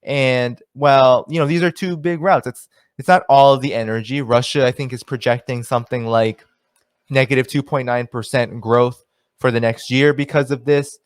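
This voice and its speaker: A man hosts a solo commentary stream, reading passages aloud and then talking them through in a loose, conversational way. His pitch sits in an ordinary middle range, and the sound is close and dry, with no room echo. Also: steady tone, normal speed. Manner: conversational, many fillers and restarts, reads quotes aloud. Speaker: political commentary host.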